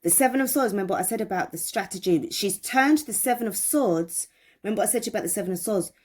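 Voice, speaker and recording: A woman's voice: mid-range voice, expressive, fast. A woman giving a tarot reading, talking emphatically, repeating phrases and asking viewers questions. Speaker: tarot reader.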